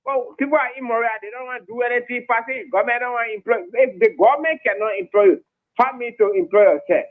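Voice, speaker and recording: A man's voice: very high-pitched, quick pace. A man with a Liberian English accent, calling in to a radio show and talking emphatically and ramblingly over a clipped, poor phone line. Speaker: radio call-in caller. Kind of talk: heated call-in opinion.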